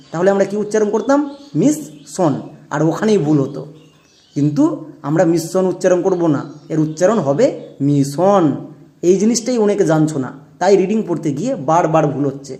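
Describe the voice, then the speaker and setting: A man's voice: sits high, warm tone. A man teaching English pronunciation in a classroom-style lesson, spelling out words letter by letter and asking his viewers questions as he explains.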